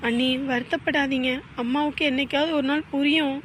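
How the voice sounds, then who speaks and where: A woman's voice: high voice, fairly even intonation, a little fast, slight background noise, close to an everyday voice. A woman playing a flustered young village woman who mutters exasperated asides in a family drama. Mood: consoling.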